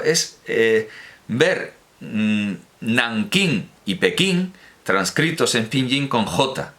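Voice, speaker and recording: Guy thinking out loud, bright voice, lots of ums and restarts. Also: mid-range voice. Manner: rambling, self-correcting, with many fillers and restarts. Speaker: podcast host. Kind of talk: unscripted spoken analysis.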